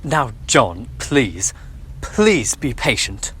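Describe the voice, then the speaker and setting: A young man in a radio drama playing a sceptical, proper doctor, with a slightly husky voice and a formal, protesting manner. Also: mid-range voice, big pitch swings, extremely slow, fairly bright tone, exaggerated voice. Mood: earnest protest. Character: sceptical, proper male doctor urging calm. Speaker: actor in a school radio drama. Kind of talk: theatrical radio drama acting.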